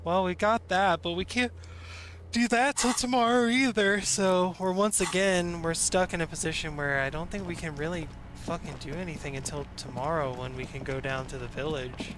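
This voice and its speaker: A man's voice: a little high, moderate pace, noisy background. A man chatting casually while playing a game with friends, exasperated and swearing often.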